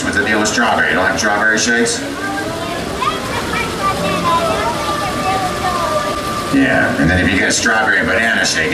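A man playing a teasing, mock-dramatic talking fountain spirit, bantering with passers-by in improvised comedy. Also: deep voice. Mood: teasing, deadpan. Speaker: theme park character entertainer. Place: outdoor theme park plaza. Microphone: camcorder at a distance from the voice. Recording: echoey, distant, very noisy outdoor camcorder recording.

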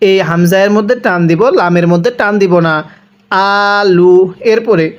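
A man from Bangladesh teaching Quran recitation step by step. He draws out each syllable slowly, explains quickly in between, and keeps asking and answering his own questions. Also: high-pitched, fairly even intonation, highs cut off.

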